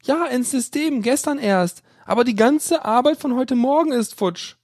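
A man's voice: very high-pitched, moderate pace, a little mellow, no room sound, clean studio sound, voice pushed up. A man voicing a flustered, gullible young woman who calls for computer help and alarms easily. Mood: worried.

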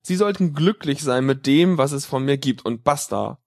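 A man's voice: fairly high pitch, normal speed, darkish tone, no room sound, clean studio sound. A man reading a first-person audiobook in a sardonic, dryly mocking tone. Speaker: audiobook reader.

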